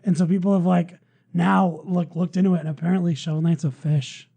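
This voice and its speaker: A sleepy young man co-hosts a casual podcast chat, his voice husky and breathy. He pitches a touch high yet sounds very dark and mellow, grumbling his opinions bluntly. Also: steady tone, brisk. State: sleepy, yawning. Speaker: podcast co-host.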